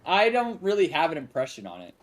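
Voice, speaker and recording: Lively young Texan game streamer. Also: male voice, on the high side, a little fast. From Texas. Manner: rambling, answers chat, laughs often. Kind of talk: casual live-stream chat.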